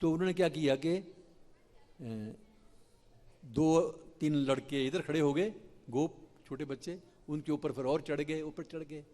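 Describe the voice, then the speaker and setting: Male temple preacher, animated storyteller, slightly high voice, echoey hall. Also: a little slow. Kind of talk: storytelling sermon.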